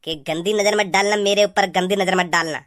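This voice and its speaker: A woman's voice: mid-range voice, steady tone, close to an everyday voice. A woman voicing a rude, mocking young man in a cartoon, with rustic, dismissive banter. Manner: scornful, rapid rustic banter. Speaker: cartoon character Bhajji.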